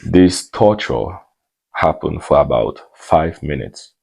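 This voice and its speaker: A man telling a story in a laid-back storytime way, dropping joking asides into an eerie retelling. His voice is extremely deep and gravelly. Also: animated, slow pace, a little mellow, rough recording. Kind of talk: casual storytime narration.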